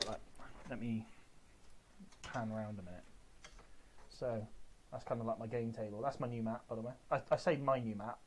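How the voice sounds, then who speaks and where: Hobby streamer, man in his late twenties, lowish voice, loose rambling chat, faint hiss in the background. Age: 20s. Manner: rambling, self-correcting, chatty. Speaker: streamer painting models. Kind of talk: casual chat while painting.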